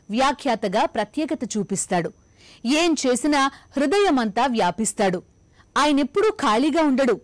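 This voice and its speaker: A woman with a somewhat high voice recites a poetic documentary script with a lyrical, rhythmic, admiring delivery. The recording is dry, with no room sound. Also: no echo. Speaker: narrator.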